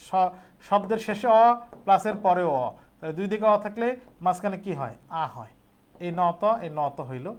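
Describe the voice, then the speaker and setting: A man teaching a spelling lesson, explaining step by step and answering his own questions. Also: high voice.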